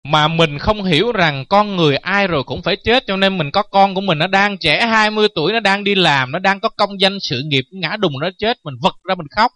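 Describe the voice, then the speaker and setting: Buddhist monk guy preaching, jokey storytelling, fairly high voice, dry close sound. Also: a little fast, hardly any pauses, bright, forceful tone, dry recording. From Vietnam. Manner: joking, anecdotal, laughs at his own stories. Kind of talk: dharma talk sermon.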